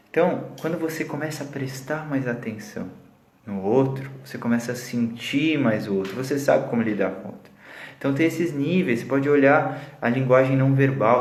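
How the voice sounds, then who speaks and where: A man with a Brazilian accent, a psychologist giving a lively live talk on communication and acting out the voices he quotes. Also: mid-range voice, echoey room. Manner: animated, acts out quoted voices.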